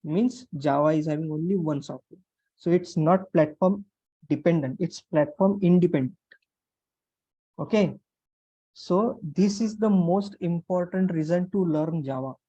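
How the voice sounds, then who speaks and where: A programming instructor with an Indian English accent teaches an online class step by step, repeating phrases and asking questions to check understanding. His voice is medium-pitched, measured, mellow and slightly rough. The class-call mic gives a dry sound with the highs cut off.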